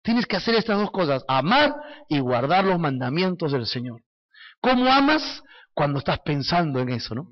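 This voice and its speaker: High-voiced man teaching a Bible study. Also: normal speed, muffled recording. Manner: asks the audience questions and answers them; lively, conversational, jokes with listeners. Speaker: pastor.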